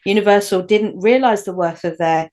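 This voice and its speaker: In a mid-range, darkish voice at normal speed, a Northern English woman co-hosts a laid-back podcast conversation. She meanders through what she's saying and restarts often.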